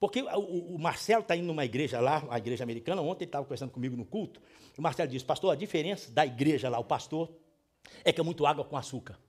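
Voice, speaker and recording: Male pastor, middle-aged, from Brazil; high, lively delivery, emphatic sermon style. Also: very fast, husky. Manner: swings from hushed pleading to loud scolding; emphatic, preacherly.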